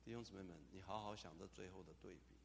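A man preaching a sermon as pastor, animated, with dramatic asides. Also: low-pitched, quick pace, creaky, a little hiss or hum. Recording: long hall reverb.

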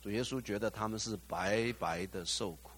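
A man's voice: lowish voice, normal speed, fairly bright tone. A male pastor preaching a sermon, putting questions to the congregation, slipping in English phrases and rising to fervent exclamations.

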